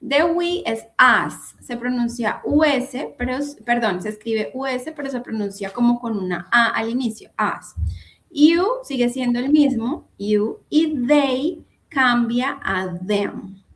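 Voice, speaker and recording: A woman's voice: a little high, measured pace, fairly bright tone. A woman giving an online English grammar lesson, patiently repeating and spelling out each example. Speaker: English teacher.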